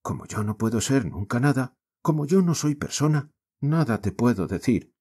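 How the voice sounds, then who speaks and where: A man with a Spain accent voicing a meek, sorrowful orphan girl in an audiobook, speaking softly and consolingly. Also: mid-range voice, expressive, moderate pace, slightly rough, voice pushed up. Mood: tender, pleading. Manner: soft, gentle and consoling. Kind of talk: audiobook character reading.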